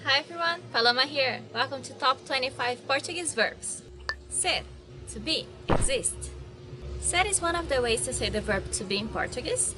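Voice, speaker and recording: A woman's voice: sits high, lively intonation, a little slow, over music. A woman, explaining verbs with examples as a language teacher. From Brazil. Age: 20s. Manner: friendly, explanatory, gives examples.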